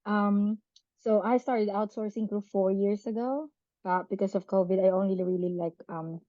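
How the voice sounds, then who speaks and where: Chatty woman, warm dull audio. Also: mid-range voice, normal speed, no echo. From Philippines. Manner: chatty and animated, laughs often, tag questions. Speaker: podcast guest, business owner. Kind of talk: casual interview chat.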